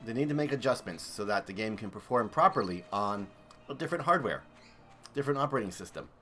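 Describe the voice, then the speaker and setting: A man's voice: fairly low pitch, lively intonation, fast talker, pushed and bright, soft background music. Chatty man commentating gameplay. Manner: chatty, enthusiastic, thinks aloud. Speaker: game streamer.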